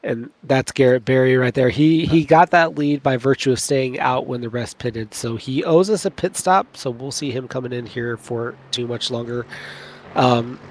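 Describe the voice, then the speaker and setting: A male race commentator calling a long sim race live, enthusiastic and a little sleepy, who often repeats words when excited. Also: medium pitch, moderate pace, slight background noise. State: sleepy late in a long broadcast.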